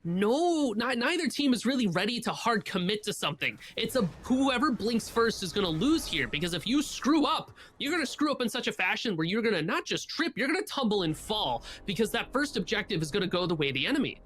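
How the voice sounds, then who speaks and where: An esports analyst from the central United States giving animated, analytical color commentary. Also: mid-range voice, fairly quick, few pauses, a little hiss or hum.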